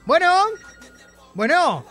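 A man's voice: very high-pitched, very animated, slow pace, fairly bright tone. A man with a Mexican accent hosting a casual radio call-in show, playful and teasing with callers. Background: music playing.

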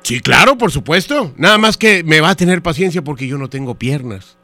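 A man's voice: on the high side, animated, bright, forceful tone. A man putting on a rambling pompous engineer. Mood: fussy. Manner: rambling, stalling with fillers, spells letters slowly. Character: pompous rambling male hotel-owner engineer, middle-aged. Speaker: prank caller. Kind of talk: radio prank call.

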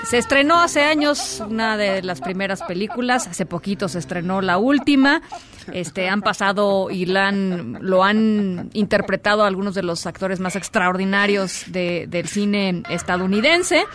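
A woman's voice: mid-range voice, lively intonation, a little slow, a bit bright. A woman with a Mexican accent presenting radio news in a conversational style, as the show's host.

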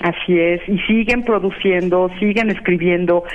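A woman's voice: on the low side, steady tone, moderate pace. A woman from Mexico, a guest institute director, speaking in a radio interview by phone with many fillers. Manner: affirming, talks with many fillers. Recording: phone line.

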